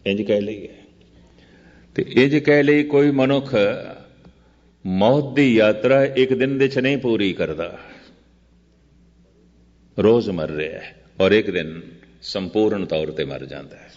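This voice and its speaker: Older man preaching slowly in a reverberant hall. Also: lowish voice, a little mellow. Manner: slow, measured, repetitive contrasting phrases; chants quoted verse very slowly. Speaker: Sikh preacher giving katha. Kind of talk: scripture discourse sermon. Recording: muffled old recording with long hall reverb.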